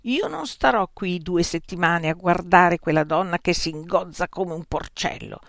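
A narrator voicing Arrow, an indignant, sharp-tongued heavy woman who asks cold, cutting questions in a storybook reading. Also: mid-range voice, moderate pace, dry recording, clean studio sound, close to an everyday voice.

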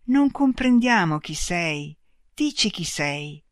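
A reader voicing two kind, dying alien beings who speak slowly and gently in an audiobook. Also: medium pitch, big pitch swings, no echo, clean studio sound. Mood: gentle. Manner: slow, gentle, speaking in unison. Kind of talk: audiobook reading.

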